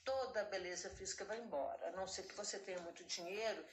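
A woman's voice: medium pitch, fast talker, roomy sound, a little hiss or hum. Woman in her sixties, earnest chat. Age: 60s. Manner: earnest, chatty, addresses listeners as girls.

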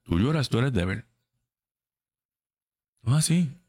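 A man's voice: medium pitch, sing-song, measured pace, darkish tone, slightly rough. A man in his thirties talks straight to his listeners in a casual podcast. He is blunt and emphatic and swears freely. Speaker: podcast host. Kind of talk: casual livestream chat.

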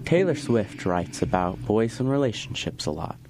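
A man's voice: fairly low pitch, very animated, moderate pace, background noise. A young man hosting a college radio morning show, chatting casually and arguing his points with easy laughs. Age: young adult. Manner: argumentative, laughs easily. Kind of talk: casual chat.

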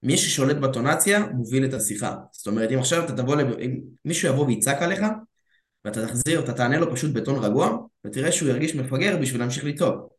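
A man's voice: mid-range voice, expressive. A man talking as a dating coach in casual chat, calling his listener bro and acting out bits of dialogue. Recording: roomy echo.

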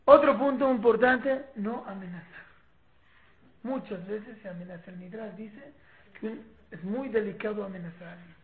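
Animated Mexican woman teaching a class. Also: medium pitch, normal speed. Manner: animated, acts out parents and children, repeats words. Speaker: parenting course teacher. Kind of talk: informal class talk with students. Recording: echoey room, tinny phone-like sound.

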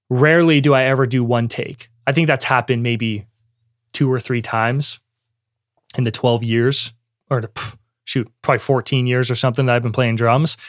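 Young adult male instructor, casual teaching monologue, mid pitch, dry close sound. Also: dry recording. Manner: conversational, with frequent fillers and restarts. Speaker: online business teacher.

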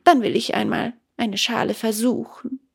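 Woman doing a squeaky wooden puppet boy. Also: moderate pace, creaky, slightly rough, exaggerated voice. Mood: indignant. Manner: high, pleading, excitable. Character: eager wooden puppet boy, whiny and impulsive.

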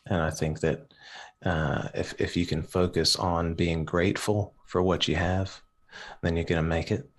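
A man who is a guest on a live-streamed podcast, talking in a laid-back, halting way with many fillers. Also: deep voice, level tone. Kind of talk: casual live-stream chat.

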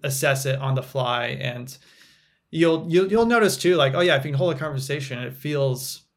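A young adult man, a physical therapist guest on a podcast, explaining things in a relaxed way with frequent fillers. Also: medium pitch, normal speed. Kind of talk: casual podcast interview.

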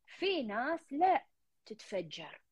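A woman host with a Gulf Arabic accent counsels a caller on a call-in show, her talk earnest and repetitive with English fillers slipped in. Her voice is high-pitched, husky, and very animated but slow. The sound is dull, lo-fi, and dry.

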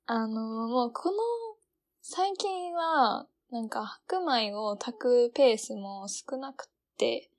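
A young woman with a Kansai Japanese accent co-hosts a podcast, chatting casually and laughing a lot. Her voice is a little high and she speaks slowly.

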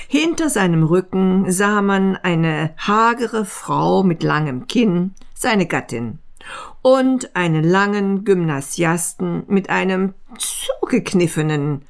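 Very slow, deliberate woman narrator. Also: on the low side, animated, creaky. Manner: measured, deliberate storytelling. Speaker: reader. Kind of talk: scripted literary narration.

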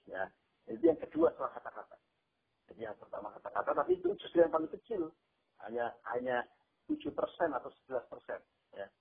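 A man's voice: fairly high pitch, huge pitch swings, fast, gravelly, pauses often, slightly rough. A man preaching a Quran exegesis sermon, explaining verses and asking rhetorical questions. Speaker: Islamic preacher. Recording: tinny phone-like radio sound.

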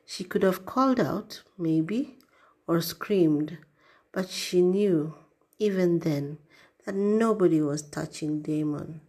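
A woman narrating an audiobook in a measured way, sometimes dropping to a breathy hush. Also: fairly low pitch. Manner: measured, with breathy hushed passages. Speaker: audiobook reader.

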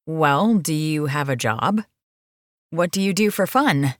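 A woman's voice: deep voice, animated, takes it slowly, no room sound, clean studio sound. A woman voicing a blunt, caring young woman who talks firmly and directly. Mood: anxious. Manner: firm and direct.

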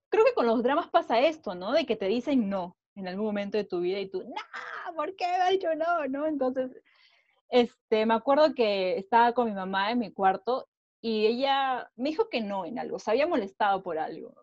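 A woman's voice: on the high side, a little mellow, muffled recording. A young woman co-hosting a podcast, chatty and teasing, reflecting on her own stories. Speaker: podcast co-host. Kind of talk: casual chat.

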